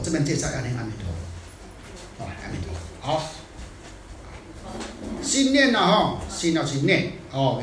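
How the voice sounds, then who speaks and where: A man giving a Buddhist dharma talk in a scolding, animated way, dropping in English phrases now and then. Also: fairly high pitch, a little hiss or hum. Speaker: Buddhist teacher. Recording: echoey room, distant mic.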